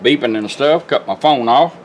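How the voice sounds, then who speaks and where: A medium-pitched man with an expressive voice and moderate pace gives a folksy, plain-spoken, hands-on product demo as a radio restorer. The background is noisy, with music from a radio playing behind his voice.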